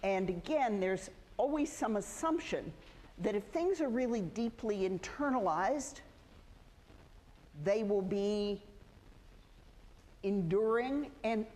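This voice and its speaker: A woman's voice: mid-range voice, a little mellow, slight background noise. A woman sociology professor giving a university lecture in a conversational way, often correcting herself and restarting. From United States. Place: lecture hall. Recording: echoey lecture hall with faint ambience.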